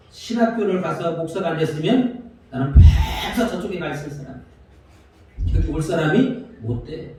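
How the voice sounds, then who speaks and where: A man's voice: a little high, a little mellow, heavy reverb, far from the mic, poor audio. A male pastor preaching a sermon in a church, putting questions to the congregation and acting out prayers as he goes. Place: church sanctuary.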